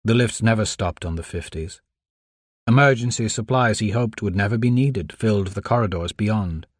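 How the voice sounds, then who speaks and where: A man reading scripted audiobook narration in a measured, even storytelling manner on a close microphone. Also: lowish voice, dry recording.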